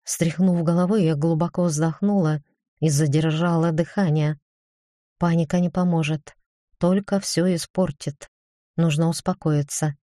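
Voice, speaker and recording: A woman narrating a first-person fantasy audiobook in an even, measured reading. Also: sits low, no echo, studio quality.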